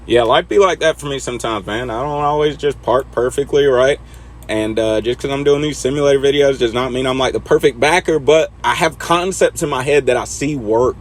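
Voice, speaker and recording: An easygoing man narrates his own driving in a truck simulator. His voice sits at an ordinary middle pitch, relaxed and conversational. He coaches viewers step by step and talks to himself along the way. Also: a little fast. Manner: laid-back, talks to himself while driving. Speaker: truck driver teaching backing. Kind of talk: casual instructional commentary over gameplay.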